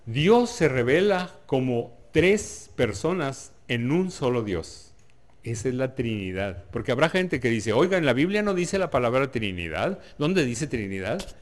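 A man preaching a sermon in a conversational way, often asking the listeners rhetorical questions and joking with them. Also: mid-range voice. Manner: jokes with the audience.

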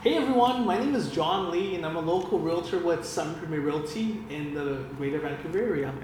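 A man's voice: a little high, expressive, a little fast, darkish tone, a little hiss or hum. A man hosting a podcast interview in a casual, friendly way, often backing up the guest with "yeah" and "right". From Canada. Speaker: podcast host and realtor.

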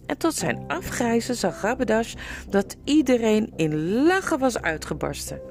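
Expressive woman reading a storybook. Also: a little high, a little slow, creaky, faint music behind. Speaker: storybook narrator. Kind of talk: reading a children's novel aloud.

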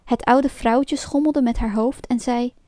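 A woman reading a fairy tale aloud as a storyteller, in a lively and expressive storybook manner. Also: fairly high pitch, unhurried, no echo, clean studio sound. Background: faint music.

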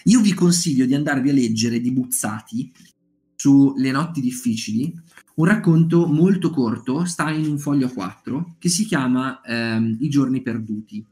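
Leading a writing group on a relaxed live stream, this man talks at a moderate pace in a medium-pitched, slightly mellow voice. Between book readings and short story recommendations, he chats with viewers, often using fillers and starting over.

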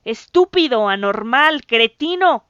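A woman voicing an excitable boy who stammers and shouts insults at his friend. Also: on the high side, fairly quick, no room sound, highs cut off. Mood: furious.

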